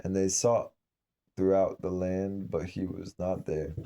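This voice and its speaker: Solemn male scripture reader, low pitch, very mellow dark tone, measured pace with small slips. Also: flat delivery, vocal fry. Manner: measured, solemn reading with occasional slips and restarts. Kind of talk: reading aloud from an old scripture.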